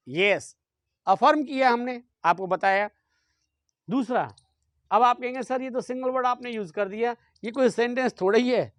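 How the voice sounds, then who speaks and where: A man's voice: high voice, a bit bright, no room sound, clean studio sound. A man teaching an English grammar class with an Indian accent, asking the class questions and answering them himself. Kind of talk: classroom lecture.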